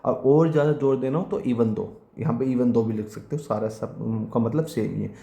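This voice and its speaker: A man teaching an English grammar lesson for exam preparation, dictating example sentences slowly and repeating them word by word. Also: medium pitch, creaky, mellow, roomy sound.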